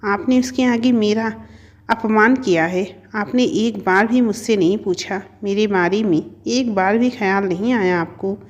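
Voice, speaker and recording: A woman voicing a stubborn, proud young wife who lashes out in sharp, demanding outbursts in a storybook. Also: mid-range voice, measured pace, dull audio, lightly acted. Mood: furious. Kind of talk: storybook narration.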